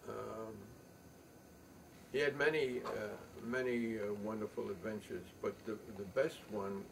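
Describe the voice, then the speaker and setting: An older man telling a story in a rambling, halting way, with many pauses and fillers. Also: on the low side, steady tone, creaky. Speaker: show host. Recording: distant mic with faint room noise.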